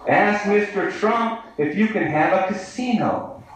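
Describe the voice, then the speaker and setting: An American poet in his thirties reads live at an indoor bar, his delivery sardonic and declamatory. His voice sits high at a measured pace. The distant mic gives an echoey live-bar recording.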